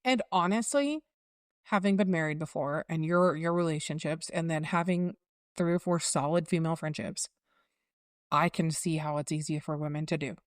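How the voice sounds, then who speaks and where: A woman in her forties with a deep, clean voice co-hosts a casual faith podcast, speaking at a moderate pace. She's reflective, circles back to earlier points and explains things in a teaching tone. The audio is studio quality with no room sound.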